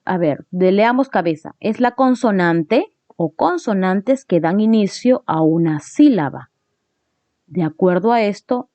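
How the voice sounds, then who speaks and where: A woman teacher walks through a grammar lesson at an unhurried pace, checking in with listeners after each point. Her voice is soft and mellow, recorded close and dry on slightly dull, lo-fi audio. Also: mid-range voice, dry recording. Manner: explains step by step, checks in with frequent tag questions.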